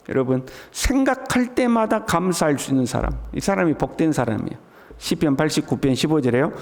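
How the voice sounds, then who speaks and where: A man preaching an early morning sermon as pastor, breaking into loud, excited exclamations as he voices calls to praise. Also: medium pitch, creaky, in a large hall. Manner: swings to loud excited exclamations when voicing the psalm's call to praise. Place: church sanctuary.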